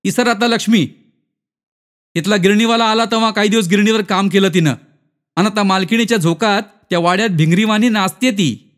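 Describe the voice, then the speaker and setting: Guy putting on a mocking rustic servant, taunting, pitched up high. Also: a little fast, a bit bright. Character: coarse mocking male village servant.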